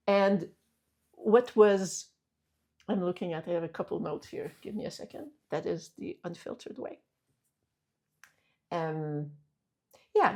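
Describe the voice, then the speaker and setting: A woman's voice: mid-range voice, darkish tone. A woman hosting a personal talk, telling a story in a candid, rambling way with frequent restarts. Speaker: host. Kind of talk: reflective personal monologue.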